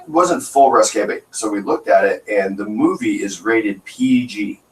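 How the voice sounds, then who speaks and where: A man's voice: fairly low pitch, normal speed. A man co-hosting an internet radio show in casual chat, rambling and joking with many restarts, recorded at a desk mic in a small studio. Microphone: desk radio microphone. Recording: roomy, distant from the mic.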